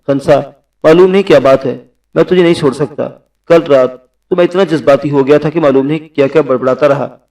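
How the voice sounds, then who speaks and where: Man reading as a gentle forgiving nobleman. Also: a little high, far from the mic, natural voice, rough recording. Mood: calm. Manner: gentle, soothing.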